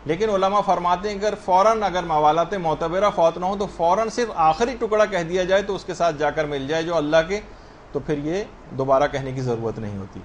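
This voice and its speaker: A fairly high-pitched man, heard with slight background noise, teaches a religious lesson on prayer rulings. He explains stepwise, raises questions only to answer them himself, and spells out the correct pronunciation slowly.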